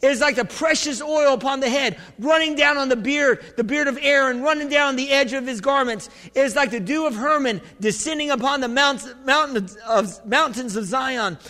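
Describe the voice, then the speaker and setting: A male pastor delivers an emphatic, exhorting sermon in a very high-pitched, bright and forceful voice. He restarts and repeats phrases as he presses his point and prompts the congregation for amens. Long hall reverb trails his words. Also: normal speed, few pauses. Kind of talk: church sermon.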